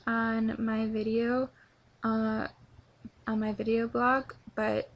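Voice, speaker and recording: A young woman with a husky, gravelly voice that sits a little high. She rambles eagerly to the camera, stopping and restarting and filling gaps with ums, and her pitch stays fairly level throughout. It comes across as a casual home video blog. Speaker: video blogger. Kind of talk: casual vlog monologue.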